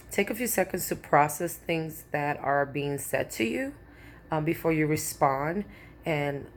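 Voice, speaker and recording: A woman's voice: deep voice, creaky, a little mellow, a little hiss or hum. A woman talking to camera in a casual vlog, giving earnest, preachy advice with lots of fillers and repeated points. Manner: many fillers like um and you know. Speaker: vlogger.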